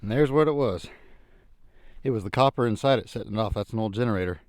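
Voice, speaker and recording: A man's voice: lowish voice, fast, a little mellow, no echo, studio quality. A man narrating a casual outdoor treasure-hunting vlog in a folksy way, musing and thinking aloud as he goes. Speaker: vlogger narrating a treasure hunt. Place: outdoors in an old junkyard.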